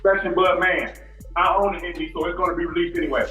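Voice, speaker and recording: Fast, insistent male defendant. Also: sits high, fairly even intonation, pushed and bright, soft background music. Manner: insistent, talks over the judge. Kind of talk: courtroom hearing. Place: courtroom. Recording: roomy courtroom audio.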